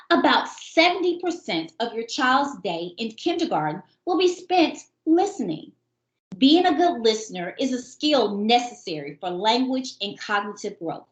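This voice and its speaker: A woman's voice: on the high side, echoey room. A woman hosting a parenting show, giving upbeat, encouraging instructions to parents in a teacherly way. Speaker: host of a parenting show for kindergarten readiness. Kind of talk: scripted instructional talk to parents.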